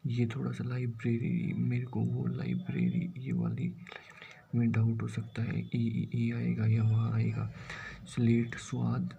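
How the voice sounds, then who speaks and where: A man's voice: medium pitch, creaky, mellow, a little hiss or hum. A man with a Rajasthani Hindi accent, rattling off spelling words for exam prep and muttering some of them under his breath. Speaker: exam coaching teacher. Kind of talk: exam-prep word drill.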